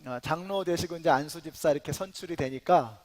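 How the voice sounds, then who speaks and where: A man in his forties with a high voice preaches a sermon in a church. He talks in a relaxed conversational way, with filler sounds, then builds into emphatic, rising lines. His voice rings with the long reverb of the hall. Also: a little fast. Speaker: pastor. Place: church sanctuary.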